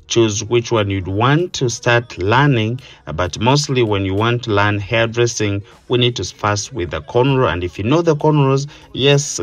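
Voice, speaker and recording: A man explaining a hairstyling tutorial as the instructor, talking in halting bursts with many fillers and repeated words. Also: mid-range voice. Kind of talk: hair tutorial with channel promotion.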